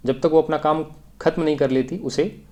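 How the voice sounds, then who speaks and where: A man's voice: fairly high pitch, fairly even intonation, moderate pace, darkish tone. A man teaching an exam-prep English grammar lesson, explaining step by step and repeating key phrases.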